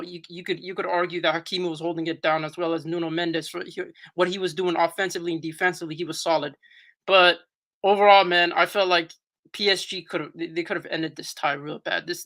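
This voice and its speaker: A man's voice: on the high side, pushed and bright. A man giving casual post-match football analysis as a pundit, slangy and repeating himself for emphasis.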